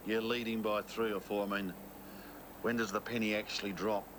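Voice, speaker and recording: A male golf commentator with a fairly low voice leads a live television broadcast. He makes measured, conversational remarks on the play. Clear outdoor noise with some vehicle hum sits behind him. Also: little pitch movement.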